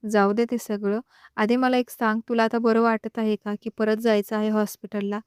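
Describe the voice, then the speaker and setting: A woman reading as a hot-headed young husband in an audio story who scolds his wife loudly, his lines delivered in a smooth, clear voice that sits a little high. The sound is dry and close. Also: level tone, normal speed, dry recording, natural voice. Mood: gentle. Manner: shouting, scolding. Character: short-tempered young husband, man.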